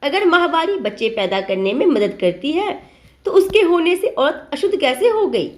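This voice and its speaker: A woman voicing a young, outspoken daughter-in-law who questions and argues calmly in a storybook tale. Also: sits high, moderate pace. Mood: reasoning. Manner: calm, arguing, questioning.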